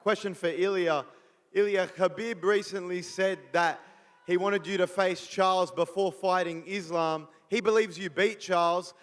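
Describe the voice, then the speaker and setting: A man, a reporter putting questions at a press conference, recorded with long hall reverb. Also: high voice.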